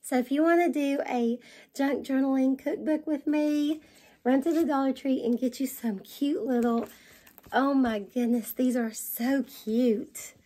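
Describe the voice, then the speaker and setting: A middle-aged woman with a Southern US accent, gushing excitedly as she shows off shopping finds to the camera at home. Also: sits high. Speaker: vlogger. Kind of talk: haul video chat. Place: home dining room, indoors.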